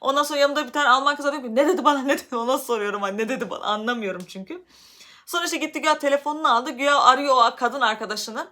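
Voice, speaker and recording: A Turkish woman vlogger with a high, bright voice talks fast as she tells a story in a casual vlog. She's animated, and her voice climbs and grows loud as she warms up and gets upset.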